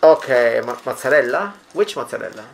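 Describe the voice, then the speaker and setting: A woman's voice: rumbling low, expressive, fairly quick, creaky. A woman with an Italian accent giving casual reaction commentary, sarcastic and mock-horrified, often exclaiming. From Italy. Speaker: reaction video host, pizza chef.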